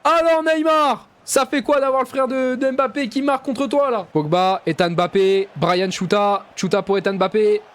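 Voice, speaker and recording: Very high-voiced hyped game commentator man. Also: fairly even intonation, moderate pace, hardly any pauses. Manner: hypes goals with shouts and mock-commentator exclamations; drops to low, mumbled asides between bursts. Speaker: gaming YouTuber. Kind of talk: excited play-by-play commentary over a football video game.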